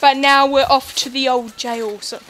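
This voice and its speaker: A woman's voice: high-pitched, fairly even intonation, moderate pace. A woman with a New Zealand accent chatting casually while vlogging with her children, asking lots of encouraging questions. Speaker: vlogger filming with her kids. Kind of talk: casual family vlog chat. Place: outdoors and in shops. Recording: noisy outdoor camera audio.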